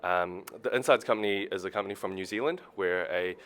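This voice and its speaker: A man's voice: deep voice, fast, a bit bright. A man from the company introducing guest speakers at an event, hesitant with many ums.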